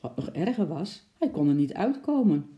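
Female storybook narrator, very dark mellow tone, dramatic and expressive. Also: low-pitched, moderate pace, dull audio. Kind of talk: children's storybook read-aloud.

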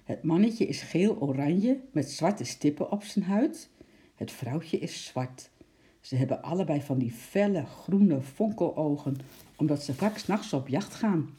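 Hearty zookeeper uncle, loud and explaining, very dark mellow tone, read by a storybook narrator. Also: medium pitch, expressive, unhurried, natural voice. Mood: proud. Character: friendly, proud adult uncle, zookeeper.

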